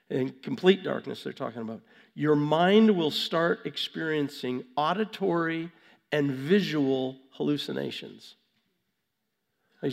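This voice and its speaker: A man preaching conversationally with a gravelly voice affected by a cold, halting and repeating words as he stresses his points. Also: on the high side. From Vancouver, Canada. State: has a cold. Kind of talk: conversational sermon. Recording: long hall reverb.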